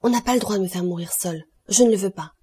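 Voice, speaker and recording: A woman's voice: medium pitch, fast talker, slightly rough. A woman reading the part of a desperate, furious condemned man who cries out. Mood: frantic. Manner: shouting, frantic.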